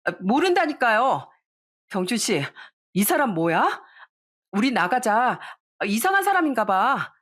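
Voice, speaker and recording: A woman voicing a young bride-to-be who talks sweetly and then turns indignant and high-pitched in a storybook narration. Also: sing-song, measured pace, a bit bright, exaggerated voice. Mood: shrill indignant. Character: sweet-talking bride-to-be, turns shrill and defensive.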